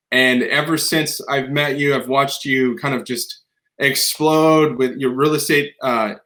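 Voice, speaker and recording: A man hosting a podcast interview talks in a loose, rambling way, often restarting his sentences. His voice is mid-range and a bit bright, in a conversational interview setting.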